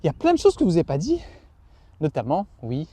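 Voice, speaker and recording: Middle-aged man from France, casual vlogger, mellow tone, lively storyteller. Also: a little high, quick pace, breathy edge, no room sound. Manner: animated, chatty storytelling with many restarts. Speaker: family vlogger. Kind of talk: casual vlog to camera. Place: outdoors in bright sun.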